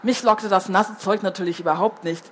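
A woman's voice: mid-range voice, fairly even intonation, a little fast. A woman reading a children's book aloud as the storyteller, who falls into hesitant fillers when she chats between passages.

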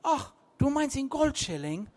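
A cheerful, enthusiastic beachcomber who gushes about treasures from the mudflats, as a man puts him on. He speaks high and bright above the reader's own voice, with lively swings in pitch. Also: unhurried, heavily acted. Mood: eager, gushing. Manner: gushing, eager.

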